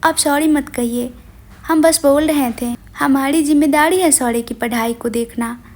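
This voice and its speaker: A woman voicing a shy, gentle young wife who speaks softly and politely in an audio story. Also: high-pitched, measured pace. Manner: soft and polite.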